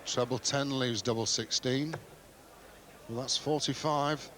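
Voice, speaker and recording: A man's voice: medium pitch, steady tone, a little slow. A man giving live television darts commentary in terse phrases. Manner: terse phrases, reading out checkout combinations. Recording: noisy TV broadcast over loud crowd. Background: very loud crowd noise.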